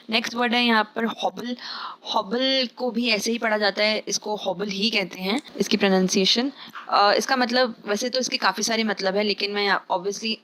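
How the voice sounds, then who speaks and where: A woman teaching English vocabulary in Hindi, patiently explaining each word and slowly reading example sentences, with frequent fillers. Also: medium pitch, a bit bright. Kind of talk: Hindi-language vocabulary lesson.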